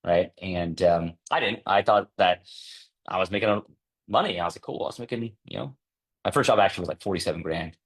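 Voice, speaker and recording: A man in his thirties presenting a workshop in a casual, chatty way, often tagging "right?" and acting out past conversations. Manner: acts out past dialogue with lively jumps in pitch.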